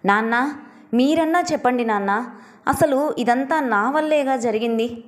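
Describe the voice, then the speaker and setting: A woman's voice: fairly high pitch, a little slow, natural voice. A woman reading the lines of an earnest young married man who argues firmly with his mother in a storybook. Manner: firm, pleading with his mother.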